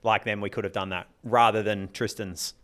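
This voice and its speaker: A man chatting on a podcast in a fairly low voice. He rambles, restarts his sentences and laughs along the way. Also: fairly even intonation, normal speed, a bit bright. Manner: rambling, self-interrupting, often laughing. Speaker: podcast co-host and club organiser. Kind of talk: casual podcast chat.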